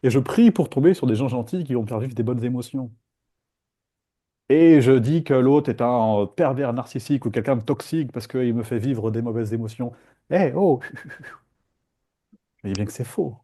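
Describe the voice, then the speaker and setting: A man leading a live meditation talk in a playful, lively way, acting out inner voices. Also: medium pitch, brisk. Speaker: meditation teacher.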